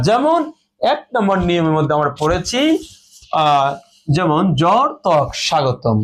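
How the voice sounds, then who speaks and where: A man with a high voice teaches a grammar lesson in front of a board. He works through each rule step by step and goes over every example word more than once. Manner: explains slowly, repeats each rule and example words. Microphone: phone or camera in front of a board.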